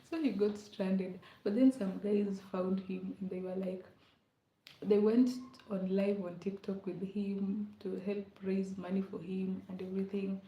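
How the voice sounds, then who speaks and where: Speaking unhurriedly in a warm, mid-range voice with fairly even intonation, a young woman from Kenya livestreams from her rented room indoors. She laughs a lot and repeats herself while chatting, and her laptop mic gives an echoey, dull lo-fi sound.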